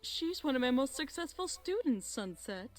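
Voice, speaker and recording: A woman voicing a regal, kindly pony princess, a patient mentor speaking in a measured, formal, gently firm way in an audio story. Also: high voice, very animated, soft background music. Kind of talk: dramatic fan-fiction audio reading.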